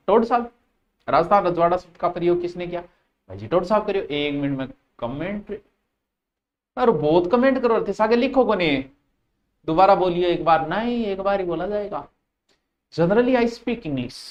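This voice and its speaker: A man's voice: a little high, a bit bright, lo-fi sound. A man with a Rajasthani accent teaching a live exam-prep class. He drills key terms by repeating them.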